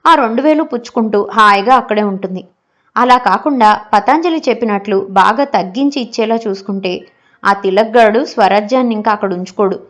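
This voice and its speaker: A woman reads a novel aloud as an audiobook narrator, telling the story steadily at an even pitch. Faint music sits underneath her voice.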